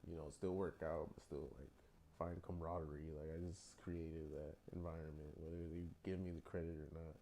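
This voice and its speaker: Low, dark-voiced man ranting casually. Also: little pitch movement, a little fast, a little hiss or hum. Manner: profane, slangy and blunt; loose and rambling with many restarts. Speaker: vlogger. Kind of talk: casual storytime rant.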